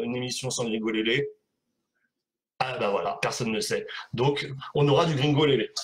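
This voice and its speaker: A man's voice: on the high side, a bit bright. A man hosting a casual live web show, rambling and joking with frequent hesitations.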